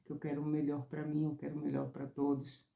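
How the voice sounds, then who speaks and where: A Brazilian woman therapist talks her viewers through a lesson in a loose, expressive way. Her voice is mellow and gravelly. The room around her rings with a noticeable echo. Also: fast. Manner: expressive, rises high and loud when excited. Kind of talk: casual teaching talk. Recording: roomy echo.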